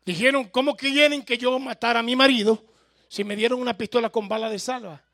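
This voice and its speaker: A man voicing a fierce, indignant woman agent recruit who boasts loudly as he tells a story in a sermon. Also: extremely high pitch, steady tone, fairly quick, no room sound, studio quality, heavily acted. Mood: indignant boasting.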